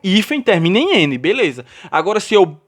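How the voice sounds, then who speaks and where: Brazilian guy teaching grammar, kinda high voice, keeps asking "right?" as he goes. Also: big pitch swings, a little fast, fairly bright tone. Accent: Brazilian Portuguese. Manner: explains step by step, checks in with "certo?" and "beleza?". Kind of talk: grammar lesson.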